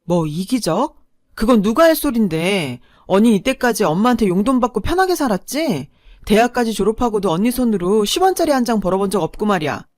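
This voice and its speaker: A woman's voice: medium pitch, sing-song, a little fast, a little mellow, dry recording, clean studio sound, lightly acted. A woman voicing an angry younger daughter who confronts her mother and sister sharply. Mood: indignant.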